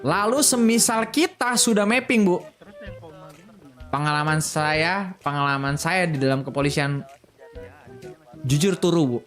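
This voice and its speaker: A man's voice: a little high, a little slow, long pauses, a bit bright. A man playing a police officer in a game roleplay, answering questions in a formal, deferential manner. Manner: formal, deferential, addressing her as ma'am. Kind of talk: in-character roleplay chat. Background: background music.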